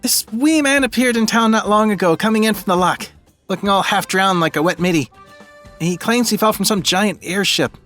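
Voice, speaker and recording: A man's voice: sits high, normal speed, fairly bright tone, soft background music, pitched above the performer's own voice. A man voicing a friendly Scottish woman pub landlady, chatty and welcoming, while reading game dialogue aloud.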